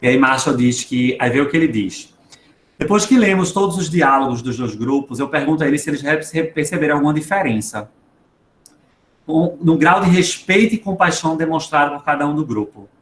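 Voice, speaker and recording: A man, a psychologist reading a book aloud and commenting on it in an earnest talk, slowing down to stress words. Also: a little high, animated. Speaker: psychologist guest speaker. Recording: echoey room with faint background noise.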